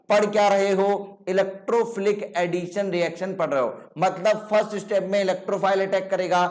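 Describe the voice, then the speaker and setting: High-voiced man teaching chemistry. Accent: Hindi. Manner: explains step by step, asks and answers his own questions; checks in with "ठीक है ना". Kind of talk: online lecture.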